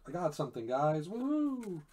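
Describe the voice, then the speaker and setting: A man hosting a live card break, calling out each card in a low-key way and bursting into loud shouts on big pulls. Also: slow pace.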